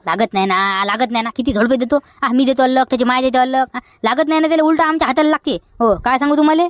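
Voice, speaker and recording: A chatty, teasing village neighbour , played by a man in a Vidarbha comedy sketch. He speaks quickly in a Vidarbha Marathi accent, his voice pitched high. The recording is dry and close. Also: fairly bright tone, smooth, no room sound. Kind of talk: comedy skit.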